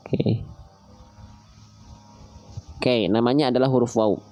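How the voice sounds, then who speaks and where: A man teaching Quran recitation online, slowly repeating and drawing out recited phrases and asking his listeners questions. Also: mid-range voice, level tone, dark tone, smooth. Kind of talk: online tajwid lesson.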